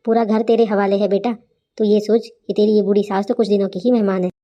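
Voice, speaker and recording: A woman voicing a gentle, wise older mother-in-law in a cartoon, speaking in a soothing, coaxing way. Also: mid-range voice, little pitch movement, quick pace, close to an everyday voice. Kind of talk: cartoon voice acting.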